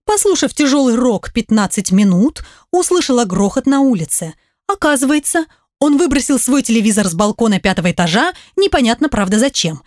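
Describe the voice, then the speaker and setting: Higher-voiced woman reading an audiobook. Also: fairly quick, no room sound, clean studio sound. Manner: lively, ironic storytelling. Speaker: audiobook reader. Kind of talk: scripted first-person narration.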